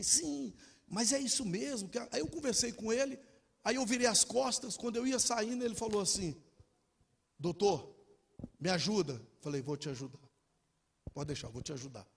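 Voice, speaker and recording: A man's voice: high-pitched, slightly rough. A man preaching a sermon, telling an emotional personal story and quoting the people in it. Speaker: pastor. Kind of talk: sermon testimony.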